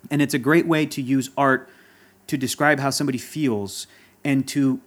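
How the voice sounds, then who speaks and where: A man's voice: mid-range voice, steady tone, moderate pace. A man in casual chat as a podcast guest, talking in a passionate, rambling and emotional way. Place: Los Angeles area.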